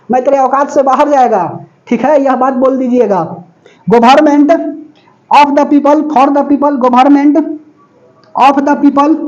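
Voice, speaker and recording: A male teacher giving a classroom lecture. He repeats himself emphatically, spells words out letter by letter, slows right down to dictate notes and keeps asking whether the class has understood. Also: extremely high pitch, a little mellow. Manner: slow and drawn out when dictating; mixes motivational asides with folksy sayings. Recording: dull lo-fi classroom recording.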